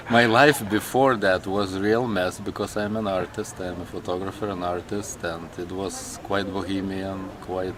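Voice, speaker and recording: A man with a Lithuanian accent speaks in a fairly low voice, slowly and haltingly in English, often restarting his phrases. Clear background noise sits under his voice throughout. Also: steady tone. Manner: slow, halting, with many restarts. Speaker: interviewee. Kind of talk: personal interview.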